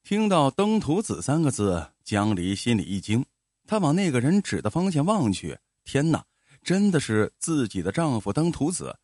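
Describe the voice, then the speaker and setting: A man tells a folk tale in expressive storybook narration, his mid-pitched voice swinging widely. The recording is dry and close-miked, with no room echo. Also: moderate pace.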